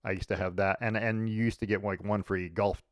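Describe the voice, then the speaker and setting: Man, low voice, dry close sound, blunt opinions, casual sports chat. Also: steady tone, fairly quick, no echo. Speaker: co-host.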